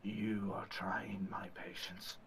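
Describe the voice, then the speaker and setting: Low, slow, hushed man player. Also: little pitch movement, creaky, husky, whispered, rough recording. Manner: hushed, menacing delivery. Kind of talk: in-character role-play.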